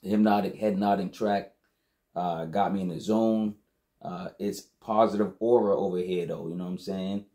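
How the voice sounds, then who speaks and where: A man's voice: sits low, fairly even intonation, normal speed, mellow. A man giving a casual, slangy review of a rap album as the show's host, often dropping "you know what I'm saying". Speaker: hip-hop album reviewer.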